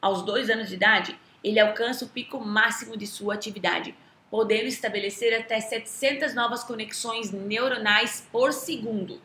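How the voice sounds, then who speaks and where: A woman's voice: on the high side, moderate pace, sharp tone. A Brazilian woman, an English teacher, talking casually to the camera in a chatty way with a Brazilian Portuguese accent, often tagging her sentences with a questioning aside. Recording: roomy echo.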